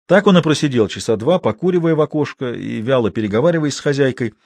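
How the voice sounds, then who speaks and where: A man reading a literary story aloud as narrator, measured and expressive. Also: medium pitch, no room sound.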